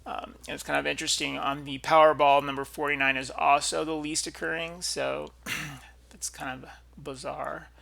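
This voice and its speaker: A man hosting a video with casual, unscripted commentary, speaking haltingly and often clearing his throat. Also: fairly high pitch, level tone, sharp tone. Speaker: video host.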